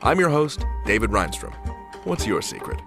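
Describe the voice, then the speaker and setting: A male podcast host reads playful scripted narration in a mid-range voice. His delivery is very animated, wry and theatrical, swinging up and down over clearly audible music. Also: fairly low pitch, normal speed.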